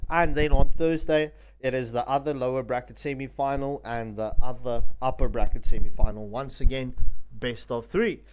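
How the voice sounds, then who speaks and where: A man giving live esports commentary in an animated, chatty way, repeating himself for emphasis. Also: medium pitch, normal speed. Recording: noisy stream mic with clicks.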